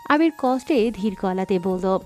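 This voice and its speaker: A woman narrating a dramatic story in a scripted, expressive reading. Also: mid-range voice, a little slow. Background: faint background music.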